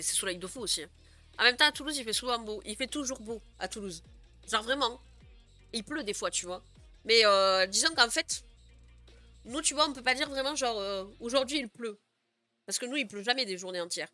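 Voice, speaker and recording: A young woman chats loosely with her stream audience, laughing easily and stumbling through fillers as she goes. Her voice sits a little high and rings bright and forward. Faint music plays quietly underneath. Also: fairly quick. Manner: chatty, giggly, many fillers. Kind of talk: casual live stream chat.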